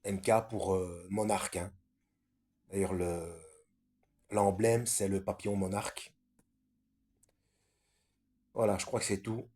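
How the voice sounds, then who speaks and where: A man's voice: sits low, fairly even intonation, slow pace, pauses often, a little mellow, husky. A man giving a casual solo talk on scripture for a video, hesitant and full of fillers and self-corrections. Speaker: Bible study video maker.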